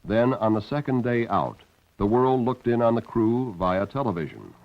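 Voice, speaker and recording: A man's voice: medium pitch, sing-song, normal speed. A man reading scripted documentary narration as on an old film soundtrack. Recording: dull band-limited old film soundtrack.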